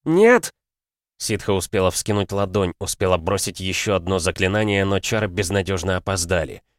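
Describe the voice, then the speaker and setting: A man reading fantasy narration for an audiobook in a steady, measured way. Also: deep voice, dry recording, clean studio sound.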